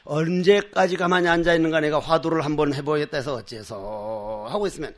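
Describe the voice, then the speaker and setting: A man's voice: on the high side, a little fast. An older man, a Buddhist monk giving a dharma talk with passion and emphasis, acting out the people he quotes. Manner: impassioned, emphatic; acts out quoted voices, laughs at his own stories.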